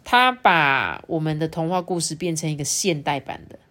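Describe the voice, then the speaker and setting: Woman, lower register, Taiwanese Mandarin accent; parent reading a storybook aloud, dramatic and interactive with the kid. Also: moderate pace. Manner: expressive, sweeping pitch for drama, often quizzes the child. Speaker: parent reading a picture book to her child. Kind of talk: storybook reading with chatty commentary.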